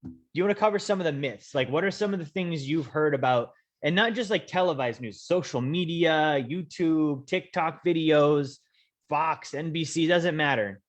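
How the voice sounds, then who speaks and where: Brief: male host from Alaska, webinar presenter, measured delivery, fillers, slows for emphasis. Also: a little high. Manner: measured, slows to stress key points, frequent "um" and "okay?". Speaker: host, wealth coach.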